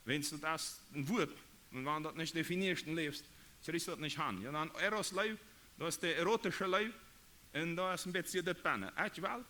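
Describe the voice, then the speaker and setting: A man from Paraguay with a Mennonite Low German accent, preaching a sermon in halting, repetitive phrases. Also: bright, forceful tone.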